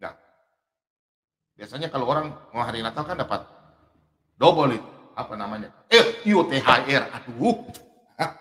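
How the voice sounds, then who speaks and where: A man preaching a sermon, who swings between shouted, drawn-out words and quiet asides. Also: mid-range voice, animated, roomy sound. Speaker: pastor. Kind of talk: energetic sermon.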